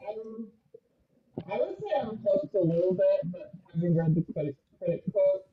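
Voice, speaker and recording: A woman's voice: medium pitch, animated, normal speed, slight background noise. A woman on a book club video call, agreeing tentatively, her voice garbled and sounding underwater through bad headphones. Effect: garbled underwater-sounding audio from bad headphones. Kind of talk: casual book discussion on a call. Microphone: headphone mic on a video call. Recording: muffled distant call audio.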